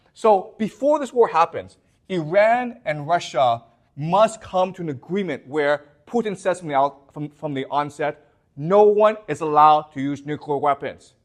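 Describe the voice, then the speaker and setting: A man lecturing a class as a professor, often repeating words and constantly checking that the students understand. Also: a little high.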